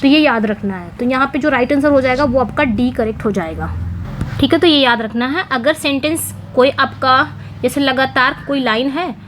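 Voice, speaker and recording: Woman teaching english for exams, high voice, goes step by step, slight hiss behind. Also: a bit bright. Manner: explains step by step, mixing Hindi and English, reads English phrases slowly. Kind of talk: exam-prep lesson explaining multiple-choice answers.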